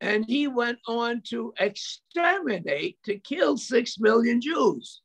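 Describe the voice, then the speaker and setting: An older American man gives an impassioned speech at a memorial event, heard over a video call and packed with repetition and rhetorical questions. His voice is very high, expressive and gravelly, and he speaks slowly.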